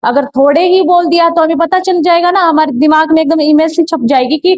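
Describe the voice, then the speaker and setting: High-voiced woman teaching grammar. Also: fairly quick, no echo. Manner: explains step by step, with many rhetorical questions. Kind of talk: classroom lecture. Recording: dull, slightly lo-fi, dry sound.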